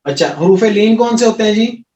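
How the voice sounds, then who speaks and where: A male teacher with a fairly high voice runs a class, patiently drawing out each sound and checking that students follow. He sounds far off in an echoey classroom, and the recording is dull. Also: expressive, mellow. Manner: patient, repeats sounds slowly and asks the class questions. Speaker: Arabic and Quran recitation teacher.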